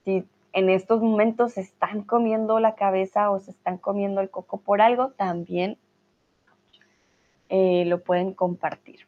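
A woman teaching a live-stream Spanish lesson, reading viewers' comments aloud and answering each one with encouragement. She talks slowly and patiently in a mid-range voice, and the stream audio sounds dull and lo-fi. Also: mid-range voice, fairly even intonation.

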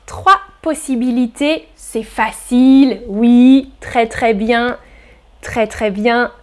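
A woman teaching pronunciation in a live-stream lesson, saying words slowly and clearly, repeating drills and greeting viewers in the chat. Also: high voice. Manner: slow, deliberate pronunciation drills with repeated examples. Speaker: French teacher.

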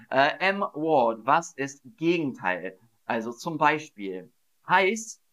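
Slow, patient man quizzing German learners. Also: medium pitch, a bit bright. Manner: slow, patient, repeats words and praises viewers. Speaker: German teacher streaming to learners. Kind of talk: live-streamed vocabulary quiz. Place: streaming setup at home.

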